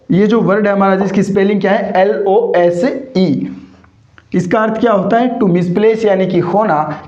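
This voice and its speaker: High-voiced male teacher, echoey room. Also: a little mellow. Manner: asks the class rhetorical questions constantly, addressing them as companions; stretches out spelled words and examples slowly. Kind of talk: classroom vocabulary lesson. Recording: roomy, slightly dull sound.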